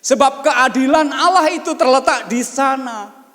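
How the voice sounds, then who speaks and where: A man's voice: very high-pitched, measured pace, a bit bright, long reverb tail. A man preaching a sermon as pastor at a church service. He asks rhetorical questions and often turns to address the congregation.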